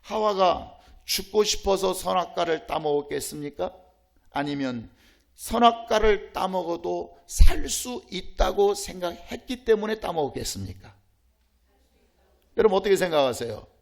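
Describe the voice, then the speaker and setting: Male pastor preaching, voice pitched high, lots of rhetorical questions, loud then soft. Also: animated, normal speed, gravelly. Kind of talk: sermon.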